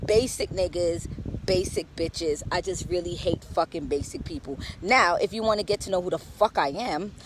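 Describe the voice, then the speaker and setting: A woman's voice: lowish voice, moderate pace, noisy background. A woman from Jamaica ranting in a brash, profane, sassy way on a casual phone livestream, outdoors in the rain. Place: outdoors in rainy weather.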